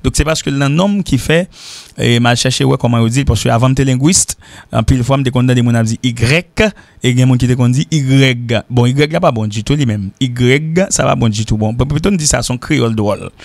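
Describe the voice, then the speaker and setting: A man from Haiti with a Haitian accent, teaching an informal language lesson and repeating example sentences slowly. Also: mid-range voice, creaky, darkish tone, no echo. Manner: repeats example sentences slowly, switching between French and Creole. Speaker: English teacher.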